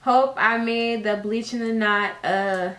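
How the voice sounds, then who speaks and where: A woman's voice: a little high, steady tone, takes it slowly, a bit bright. A woman casually talking viewers through a hair tutorial at home, chatty and loose with slang and fillers. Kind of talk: casual how-to vlog. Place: room at home. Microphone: camera set up at a distance. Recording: roomy, camera mic from a distance.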